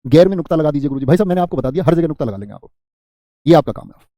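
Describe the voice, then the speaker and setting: A man runs a live exam-prep grammar class, repeating words over and over and putting questions to his students. His voice sits a little high for a man but sounds mellow and warm. The sound is dry and close, with no room around it. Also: lively intonation, racing, dry recording. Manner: drills word lists, quizzes students, reads chat comments, jokes.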